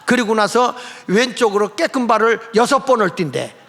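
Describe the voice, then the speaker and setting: A male pastor telling a story in a sermon, animated and acting out the characters' voices. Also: sits high, normal speed, long reverb tail. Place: church sanctuary.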